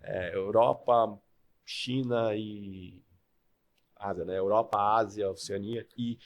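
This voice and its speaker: A man's voice: fairly low pitch, steady tone, slow pace. A man with a São Paulo Brazilian Portuguese accent, a guest in a podcast interview who makes his points emphatically and step by step. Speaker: guest, sales manager.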